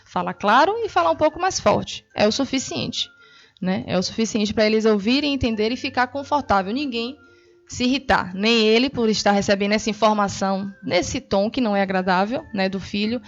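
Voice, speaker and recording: A Brazilian woman speech therapist explaining hearing care clearly and patiently in an interview. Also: fairly high pitch, a little fast. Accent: Brazilian Portuguese. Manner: clear, didactic, reassuring. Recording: dull lo-fi broadcast audio.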